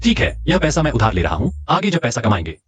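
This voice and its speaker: A man's voice: mid-range voice, sing-song, quick pace, a bit bright, faint music behind. A young man dubbing an earnest, determined young shop owner in a drama. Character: earnest young male entrepreneur. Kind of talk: dubbed drama acting.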